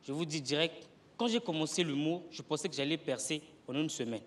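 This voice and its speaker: Young man, stand-up comedian, animated storytelling, high voice, faint audience noise. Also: a little fast. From Congo (Brazzaville). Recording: live stage with audience noise.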